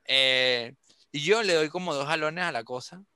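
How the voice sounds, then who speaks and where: A man's voice: a little high, normal speed, sharp tone, clean tone, dry recording. A young Venezuelan man telling a story in a casual chat over a video call, acting out the voices of others.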